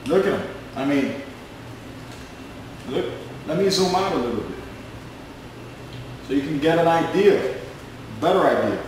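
A man in his twenties giving a screen-recorded sales pitch, pushy and boastful, repeating himself a lot. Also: expressive, a little slow, long pauses, echoey room, a little hiss or hum, low-quality recording. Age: 20s. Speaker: network marketing recruiter.

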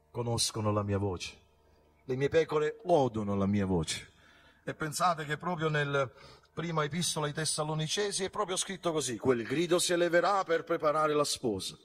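A man preaching a fervent church sermon in a middle-pitched voice. He swells from quiet, drawn-out phrases to loud, high, ringing calls and back again. He keeps turning to the congregation with rhetorical questions. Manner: fervent preaching with big swings in loudness and pitch. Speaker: pastor. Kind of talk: Pentecostal sermon. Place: church service.

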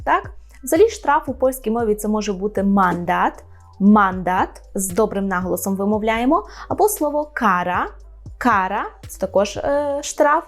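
A woman teaching an online language lesson, explaining slowly and repeating each phrase with a frequent checking "right?". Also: medium pitch.

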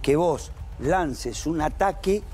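Argentine male news commentator, emphatic and argumentative, slightly high voice, music bed. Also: lively intonation, takes it slowly, dark tone. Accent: Argentine Spanish. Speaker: news panelist. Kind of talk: live studio panel discussion. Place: TV news studio.

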